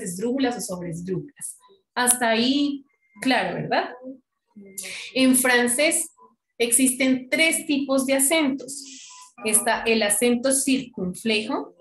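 Teaching a French class online, a woman explains things patiently and checks often that her students are keeping up. Her voice is fairly high, and the computer mic on the video call picks up a roomy sound.

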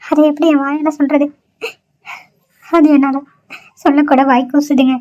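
A sad, despairing young woman in a homemade cartoon, voiced by a woman. Her voice is high and she speaks sorrowfully. The recording sounds dull and lo-fi. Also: level tone, normal speed, warm tone, lightly acted. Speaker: cartoon character.

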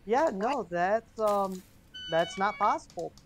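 A woman's voice: medium pitch, expressive, slow, slight background noise. Distracted young woman on voice chat. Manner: distracted, trailing off. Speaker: gamer on voice chat. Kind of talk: casual gaming chat.

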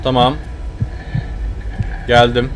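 A man playing a horror game and commenting as he goes, yelling when startled and whispering while he sneaks. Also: medium pitch, monotone, extremely slow, noisy background. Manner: jumpy, shouts when scared, drops to hushed muttering when sneaking. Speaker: gaming YouTuber.

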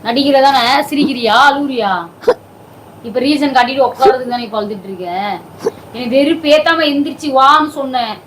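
A woman's voice: sits high, fairly quick, a little hiss or hum, low-quality recording. A woman performing a comedy skit, nagging and scolding someone in an insistent, impatient way. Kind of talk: scripted comedy argument.

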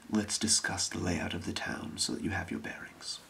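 A man in a whispered role-play, playing a scheming thieves' guild boss with a breathy, creaky whisper and a measured, secretive delivery. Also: deep voice, level tone, pushed and bright, a little hiss or hum, heavily acted. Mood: hushed, calculating.

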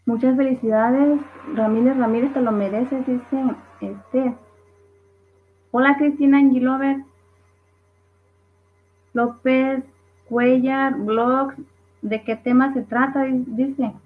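A woman's voice: sits high, steady tone, slow pace, long pauses. A woman hosting a casual livestream, reading viewers' comments aloud and laughing along. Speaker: livestream host. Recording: tinny phone-like livestream audio.

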